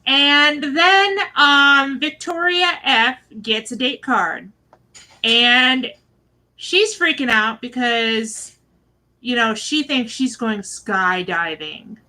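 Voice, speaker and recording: A Michigan woman gives a chatty, rambling spoken recap of a reality show, full of fillers and asides, at home with her husband nearby. Her voice is high, slow, pushed, and bright, and the recording is rough.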